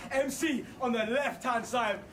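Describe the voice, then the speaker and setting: A man's voice: very high-pitched, measured pace, background noise. A man hosting a battle rap event, giving emphatic hype introductions as the announcer. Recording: music behind the voice.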